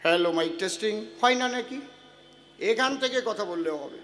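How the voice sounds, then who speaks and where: A man's voice: high-pitched, expressive, normal speed, a bit bright. An older man, a devotional singer, doing a stage sound check and giving the crew bossy running orders into a handheld mic.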